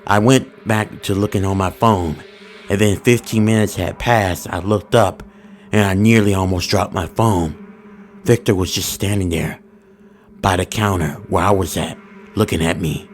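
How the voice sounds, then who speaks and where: A man narrating a first-person horror story in a steady, ominous storytelling manner with informal grammar. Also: deep voice, normal speed, slight background noise.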